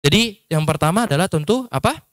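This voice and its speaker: A man's voice: high voice, lively intonation, brisk, fairly bright tone, no room sound, clean studio sound. Casual male workshop lecturer. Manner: explanatory, casual, demonstrates tones with his voice. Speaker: Islamic preacher teaching public speaking. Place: training session at an Islamic school.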